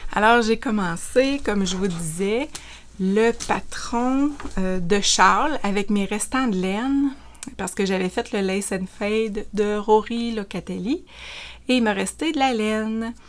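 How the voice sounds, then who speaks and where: A woman's voice: medium pitch, unhurried. A woman with a Quebec French accent, casually chatting through a knitting vlog with frequent fillers. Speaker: knitting vlogger. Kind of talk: casual show-and-tell chat.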